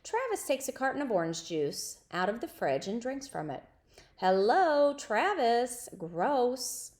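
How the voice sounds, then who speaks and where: A children's novel is read aloud by a woman using an expressive storytelling style; her pitch is medium and her speed normal.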